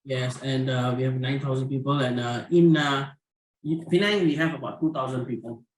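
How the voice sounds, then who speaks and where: A man guest chats in a friendly, easygoing way on an online panel. His voice sits at a middle pitch, with noticeable room echo around it. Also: steady tone, normal speed, a little hiss or hum. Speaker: panel guest, HR business partner. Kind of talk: casual panel chat.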